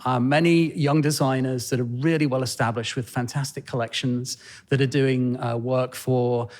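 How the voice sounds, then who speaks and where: Man, podcast guest, thoughtful, hesitant, mid-pitched, conversational. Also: steady tone, moderate pace, darkish tone. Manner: thoughtful, hesitant, many fillers and restarts. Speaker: podcast guest, fashion designer. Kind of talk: conversational interview answers. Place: penthouse room in Manhattan.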